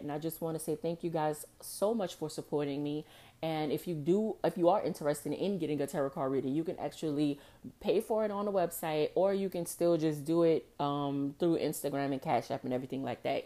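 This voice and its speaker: Young woman ranting on her podcast, lowish mellow voice, heated and swearing, kinda choked up. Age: young adult. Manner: impassioned, frustrated venting with profanity; emotional, near tears. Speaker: podcast host. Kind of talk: personal podcast monologue.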